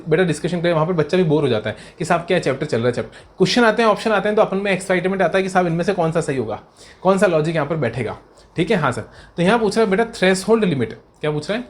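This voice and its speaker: Lively male teacher. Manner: lively teacher voicing imagined student replies in a lower, softer tone; addresses viewers as beta and sahab, asks and answers his own questions. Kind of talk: recorded exam revision lecture.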